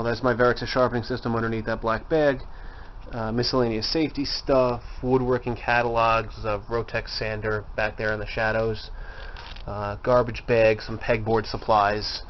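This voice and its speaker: A man's voice: lowish voice, slight background noise. Man, 30s, woodshop vlogger; chatty walkthrough, on-camera mic, dull lo-fi audio. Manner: chatty, points things out as he walks. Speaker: woodworker giving a shop tour. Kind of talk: casual handheld walkthrough. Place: cluttered home woodshop, indoors. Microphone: handheld camera mic.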